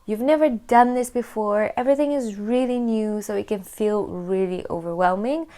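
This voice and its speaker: A woman's voice: medium pitch, normal speed, warm tone. A woman, chatting candidly to camera as a vlogger and laughing often. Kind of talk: casual chat to camera.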